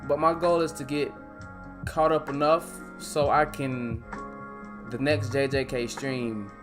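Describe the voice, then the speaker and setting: An excitable young man chats casually with his live-stream audience. His voice sits at an ordinary middle pitch, and he swears freely and tags "bro" onto his sentences. Loud music plays behind him. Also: takes it slowly. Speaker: live-stream host reacting to manga.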